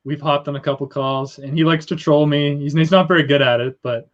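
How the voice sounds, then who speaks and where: A man's voice: a little high, steady tone, a little fast. Easygoing man on muffled call audio. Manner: easygoing, joking. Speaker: guest. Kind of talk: casual conversational interview.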